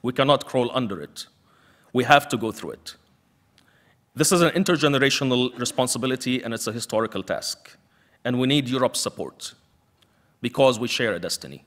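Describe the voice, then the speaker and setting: Guy from the emirates giving a lecture, forceful, repeats lines for effect, middle pitch. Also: lively intonation, brisk, long pauses. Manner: emphatic, rhetorical repetition. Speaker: panel speaker, activist. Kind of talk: prepared lecture speech.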